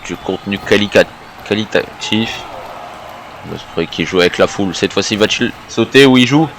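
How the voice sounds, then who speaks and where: A man's voice: lowish voice, normal speed. A man giving wrestling commentary on a video game match, calling moves in short phrases alongside a partner. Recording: faint background noise.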